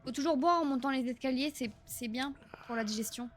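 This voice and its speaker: Excitable young woman streaming a game. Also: sits high, fairly quick, faint music behind. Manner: excitable, swears and laughs often, chats to viewers. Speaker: streamer playing a horror game. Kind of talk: live gameplay commentary.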